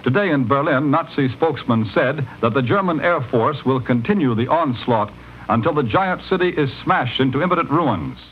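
A man delivering a 1940s radio news bulletin in a formal, measured announcer manner, heard as an old newsreel radio broadcast. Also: mid-range voice, lively intonation. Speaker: radio newscaster. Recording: dull lo-fi archival radio with faint hiss.

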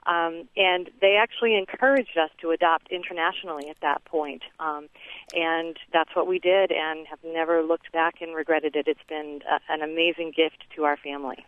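A woman phones in to a radio talk show, and her voice comes through thin and narrow like a telephone line. She speaks earnestly, pausing often on um and uh. The sound is close and dry, with no room around it. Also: sits low, fairly even intonation, clear, resonant tone, no echo. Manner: earnest, lots of um and uh fillers. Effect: phone line call into a radio show.

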